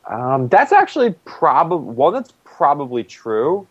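A man chats casually about a TV episode, his pitch swinging up and down as he rambles with plenty of fillers. The recording is dry and a bit dull, with little room sound. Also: huge pitch swings, slow pace, slightly rough, dry recording. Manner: loose and rambling, many "like" fillers. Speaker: podcast co-host. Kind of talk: casual TV recap chat.

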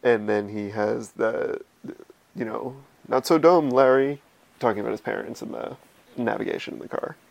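Man, gravelly voice, casual recap chat, dry wry remarks. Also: lowish voice, flat delivery, moderate pace, a little mellow. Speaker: podcast co-host.

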